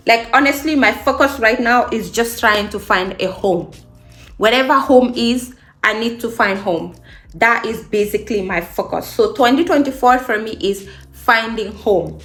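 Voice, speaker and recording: A late-twenties beauty vlogger from Guinea talks at a moderate pace in a bright-ish voice on the high side. Her casual get-ready-with-me chat is upbeat and emphatic, and she repeats phrases to encourage viewers.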